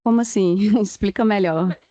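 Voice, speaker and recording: A woman's voice: medium pitch, warm tone, no echo. A woman with a Brazilian Portuguese accent questioning a witness in court, firing off pointed questions one after another. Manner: probing, rapid-fire questions.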